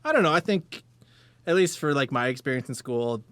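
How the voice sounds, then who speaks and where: A man's voice: mid-range voice, expressive, fairly quick, a bit bright, dry recording. A man chatting casually on a podcast in an easygoing, colloquial way. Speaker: podcast participant, classically trained musician.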